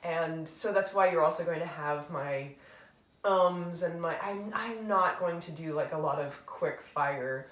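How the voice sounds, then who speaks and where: A booktube host answers a tag in a casual, reflective chat, rambling with fillers and teasing herself. Her low-pitched voice moves at a measured pace, captured by a distant mic in a room with echo.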